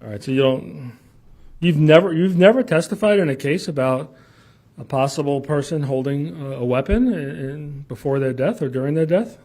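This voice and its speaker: Halting male lawyer in a courtroom recording. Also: fairly high pitch, darkish tone. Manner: halting, repeats words, pressing questions. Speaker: defense attorney cross-examining. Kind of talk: courtroom cross-examination.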